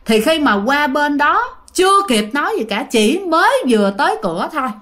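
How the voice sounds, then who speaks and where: A woman's voice: high-pitched, sing-song, normal speed, fairly bright tone. A woman with a Southern Vietnamese accent telling a ghost story in a chatty, casual way, speaking straight to her listeners. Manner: chatty, addresses listeners directly.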